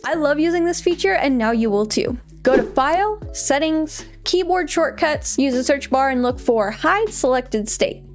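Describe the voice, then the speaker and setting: A woman narrating a voice-over tutorial about her own art, chatty and playful, laughing often. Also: high-pitched. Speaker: artist walking through her own work. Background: faint background music.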